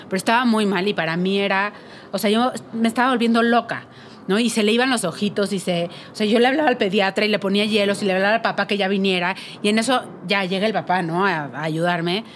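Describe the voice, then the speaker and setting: Mexican woman co-host, lively storyteller, mid-pitched voice, light noise underneath. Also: fast. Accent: Mexican Spanish. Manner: animated storyteller, laughs while telling stories. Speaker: podcast co-host. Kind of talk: casual chat.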